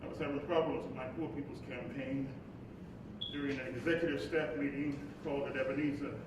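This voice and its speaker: A man with a natural voice reads the part of a weary civil rights leader and husband in a staged play, keeping a steady tone while speaking a little fast. His delivery is oratorical and emphatic, troubled and reflective, and he stammers when distressed, shifting between monologue and dialogue. It was recorded live in an echoey hall from a distant mic, with rumbly background noise.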